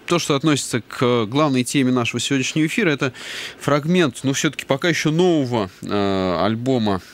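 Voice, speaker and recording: A man's voice: mid-range voice, animated, brisk. A man co-hosting a live radio music show, introducing things in a casual, conversational way. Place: radio studio.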